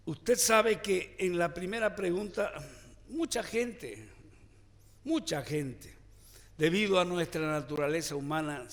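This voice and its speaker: Preaching man in a reverberant hall. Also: a little high. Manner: preaching with call-and-response, swinging from loud to hushed. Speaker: pastor. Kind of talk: sermon. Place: church sanctuary, also streamed online.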